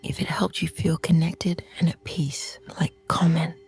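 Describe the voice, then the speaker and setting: Low, soft woman guiding a calm grounding meditation. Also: breathy edge, whispered, soft background music. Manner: slow, soothing, measured delivery in short phrases. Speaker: meditation guide.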